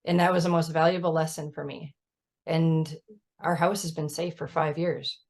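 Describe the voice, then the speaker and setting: A woman's voice: low-pitched, steady tone, normal speed, darkish tone. A mother of a child with type 1 diabetes, talking earnestly and emphatically in a casual chat over a video call, often adding "right?". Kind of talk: casual conversational storytelling.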